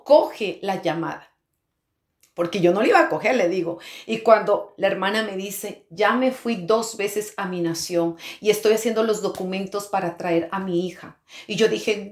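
A woman preaching a fervent sermon testimony, breaking into exclamations of praise and speaking in tongues. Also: medium pitch. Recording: roomy echo.

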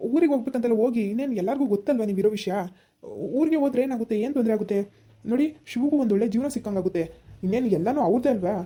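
A woman voicing a young son-in-law who calmly talks his mother-in-law round in a village family drama. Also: on the high side, close to an everyday voice. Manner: persuasive, repeated appeals. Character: reasonable young son-in-law, calm persuader.

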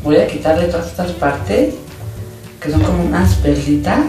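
A warm-toned woman with lively intonation talks at a moderate pace through a hands-on slime craft, upbeat and sing-song in a mid-range voice. The tabletop shot shows only her hands indoors, and the recording is strongly echoey, distantly miked, and backed by music.

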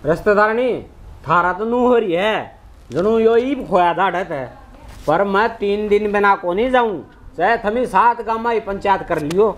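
A man plays a town drunk of a son-in-law in a village comedy. His high-pitched voice has a Haryanvi accent, and he rambles on with stubborn, boastful swagger, picking arguments brazenly. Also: moderate pace, close to an everyday voice. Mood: smug, stubborn. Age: young adult. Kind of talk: Haryanvi comedy skit acting. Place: open concrete house courtyard, outdoors.

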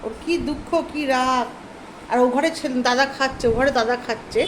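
High-voiced woman coaxing her pet. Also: steady tone, normal speed, background noise. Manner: fond, coaxing baby talk to her pet. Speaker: vlogger talking about her pet. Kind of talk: casual vlog narration. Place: home, indoors.

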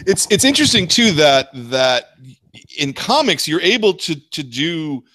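A man hosting a book club discussion, musing in a halting way and repeating words as he thinks. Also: fairly high pitch, very animated, pushed and bright. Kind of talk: casual discussion.

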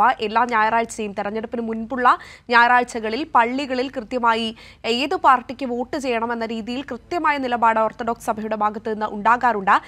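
A woman's voice: on the high side, a bit bright. A young woman in her twenties reading the news and handing over to a reporter in a TV studio. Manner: clear formal delivery. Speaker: news anchor.

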